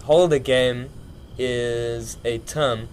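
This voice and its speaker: A man's voice: mid-range voice, steady tone, drawn-out words, slight background noise. A man chatting casually as a musician in an interview, loose, slangy and rambling. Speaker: musician, podcast guest.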